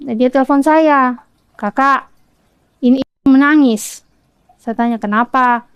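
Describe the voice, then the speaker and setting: A woman from Kolaka speaks with a Southeast Sulawesi Indonesian accent, her voice high and smooth. She recounts events earnestly and in detail, acting out the conversations she had. The sound is close and dry. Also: slow pace, dry recording, muffled recording. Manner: earnest, detailed retelling with quoted dialogue. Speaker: podcast guest, mother. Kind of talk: personal account in a podcast interview.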